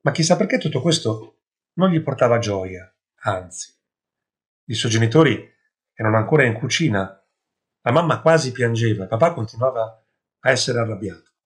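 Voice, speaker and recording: Male storyteller for a modern fairy tale; mid-pitched, measured, dropping wry asides. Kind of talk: scripted fairy-tale narration.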